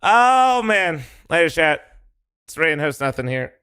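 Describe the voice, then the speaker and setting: A tired young man streaming a game with his teammates chats casually, swearing in a laid-back way as his voice gives out. His voice is a little high and slightly slow, with big pitch swings and a sharp edge, recorded cleanly with no echo.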